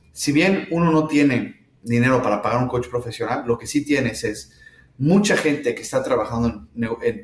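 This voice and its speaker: A middle-aged man from Mexico with a Mexican accent, answering interview questions thoughtfully with many pauses and fillers. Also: medium pitch. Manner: thoughtful, hesitant with frequent fillers. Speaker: startup founder, guest. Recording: roomy echo.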